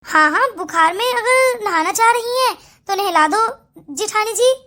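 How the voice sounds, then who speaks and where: Brief: a woman voicing an obliging cartoon sister-in-law with a very high, squeaky pitch and polite, quick replies. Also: lively intonation, pushed and bright, exaggerated voice. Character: obliging younger sister-in-law named Payal. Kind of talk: Hindi cartoon story dub.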